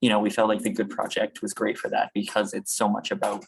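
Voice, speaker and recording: A man with a Boston accent, a high school teacher, talking casually on a video call, unhurried and full of pauses. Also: completely flat delivery, gravelly, background noise. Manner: unhurried, with many pauses and fillers.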